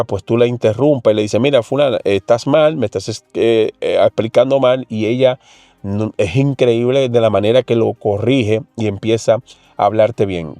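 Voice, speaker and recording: Male tech host, warm low-bright tone, dry close sound, chatty and direct with viewers. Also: no room sound. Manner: chatty, addresses the viewer directly with frequent fillers. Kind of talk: casual tech demo talking to viewers.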